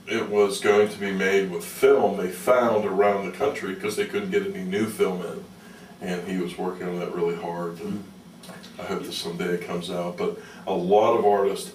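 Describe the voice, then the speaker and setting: A man telling stories as a radio interview guest, conversational and halting, often repeating words as he thinks. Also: deep voice, a little mellow. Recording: roomy, noisy, distant-mic radio interview.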